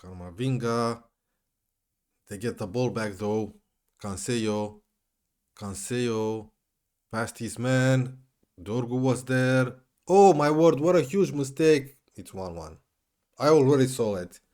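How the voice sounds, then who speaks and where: A man commentating his own football management game, muttering over the action and breaking into exasperated yells. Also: mid-range voice, takes it slowly, long pauses. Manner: exasperated, swings from muttering to yelling. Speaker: gaming YouTuber. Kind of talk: let's play commentary.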